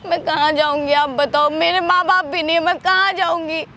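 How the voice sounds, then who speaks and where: A woman's voice: very high-pitched, level tone, moderate pace, bright, forceful tone, a little hiss or hum, full character voice. A woman playing a desperate pregnant young woman who tearfully pleads with her lover not to leave, in a staged prank drama in an outdoor city park. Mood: pleading. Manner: pleading, tearful, repeating "please don't".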